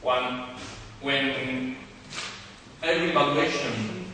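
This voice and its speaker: A male university lecturer teaches a class, halting and repeating himself as he quizzes his students. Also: medium pitch, bright, forceful tone. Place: large lecture hall. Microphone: distant room mic. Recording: echoey hall from far off, noisy.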